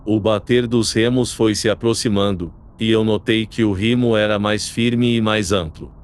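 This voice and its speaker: Low-voiced male audiobook narrator. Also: clear, resonant tone. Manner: measured, even storytelling. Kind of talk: scripted narration.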